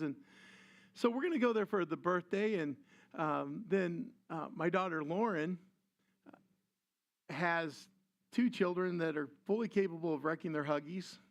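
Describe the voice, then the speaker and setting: An older man preaching a sermon, telling a family story with animated voiced asides. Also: high voice, creaky. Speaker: pastor.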